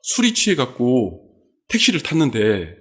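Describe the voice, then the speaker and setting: A man's voice: mid-range voice, huge pitch swings, normal speed. Storytelling male pastor preaching. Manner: storytelling, acting out quotes. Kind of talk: sermon. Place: church sanctuary.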